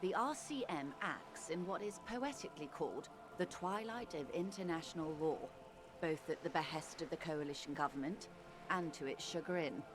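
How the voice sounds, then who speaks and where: A woman voicing a poised, worldly negotiator who speaks smoothly and articulately with gentle irony. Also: sits low, moderate pace, over music, lightly acted. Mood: explanatory.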